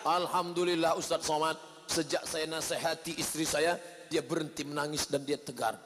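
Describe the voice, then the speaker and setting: A high-voiced man preaches in an animated, storytelling way, slipping into the voices of the people in his tales. His voice rings through a large hall with a long reverb, and there is a faint hiss behind it. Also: normal speed. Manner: animated storytelling, acts out quoted parents with shouts and high voices. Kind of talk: sermon.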